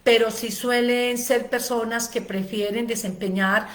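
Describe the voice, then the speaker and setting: A woman with a somewhat high voice delivers a spoken lecture as an educator. She explains patiently, strings together long lists and fills her pauses with "eh". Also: steady tone. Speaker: ADHD educator giving a seminar.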